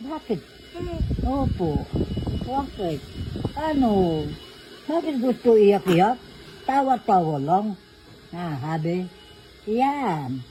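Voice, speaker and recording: Slow, cooing woman. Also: medium pitch, sing-song, background noise. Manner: cooing, playful, coaxing, laughs often. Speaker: caregiver talking to a baby. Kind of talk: baby talk.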